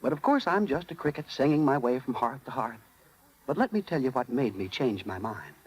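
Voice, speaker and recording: An actor playing a small, friendly wandering cricket, telling a story to listeners in a folksy, chatty 1930s radio style. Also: male voice, mid-range voice, big pitch swings, fairly quick, lightly acted, rough recording. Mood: folksy, dreamy. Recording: vintage 1930s radio, loud orchestral music.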